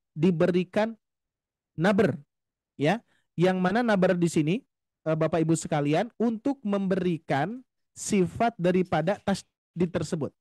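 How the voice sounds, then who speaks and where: A man with a fairly high voice leads an online recitation lesson, explaining each point patiently and politely. He often stretches out words as he models the pronunciation. The sound is dry and close, with no room echo. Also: a little mellow. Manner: patient, explains slowly, often addresses "Bapak Ibu", models recitation drawn out. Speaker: Quran recitation teacher. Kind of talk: online tajwid class. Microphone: video call.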